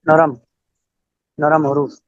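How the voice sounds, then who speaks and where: A male student in an online class, slowly repeating sounds after his teacher. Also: a little high, little pitch movement, highs cut off.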